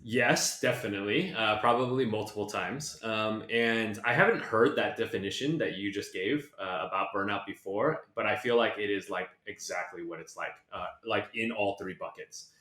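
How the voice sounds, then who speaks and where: Speaking at normal speed with few pauses, a Malaysian man on the low side of pitch sounds pushed and bright. He's a podcast guest and venture partner chatting casually, rambling and full of fillers and restarts, in an echoey room.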